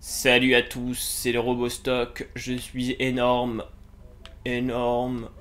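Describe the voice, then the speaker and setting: A man voicing a slow, droning video-playing robot in a flat, mechanical voice during game commentary. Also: medium pitch. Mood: robotic. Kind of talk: Let's Play commentary skit.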